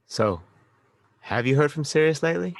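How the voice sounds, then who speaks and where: A man's voice: a little high, lively intonation, normal speed, vocal fry, dry recording, voice pushed up. A man voicing a sardonic teenage boy wizard who mutters dryly. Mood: wry. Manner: muttering, dry.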